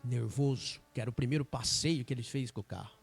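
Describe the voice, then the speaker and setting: A man with a Brazilian Portuguese accent, a pastor telling a story in a sermon with emphatic, dramatic pauses. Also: medium pitch, creaky, husky, faint music behind.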